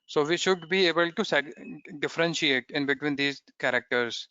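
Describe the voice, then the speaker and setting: A male programming instructor with a rather high, sharp, clean voice leads a screen-recorded coding tutorial at a moderate pace. He goes step by step in non-native English phrasing, frequently checking in with "okay?". There is no room sound, though the highs are cut off.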